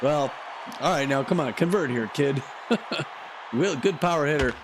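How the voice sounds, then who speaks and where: A man's voice: on the high side, measured pace, crowd noise, noisy background. A man calling a simulated baseball game play by play, chatty and cheering on his team. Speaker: commentator.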